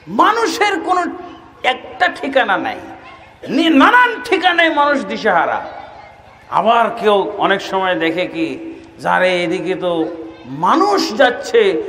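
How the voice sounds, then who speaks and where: A male preacher from Bangladesh delivering an impassioned sermon to a large outdoor gathering, shouting at its peaks with mocking asides. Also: high-pitched. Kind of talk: fiery sermon at an open-air gathering. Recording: echoey loudspeaker sound with long reverb.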